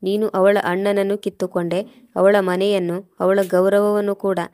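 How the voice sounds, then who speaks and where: A woman reading the lines of a stern, betrayed husband in a storybook tale, in a flat, accusing tone. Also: medium pitch, moderate pace, no room sound, close to an everyday voice. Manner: accusing, harsh.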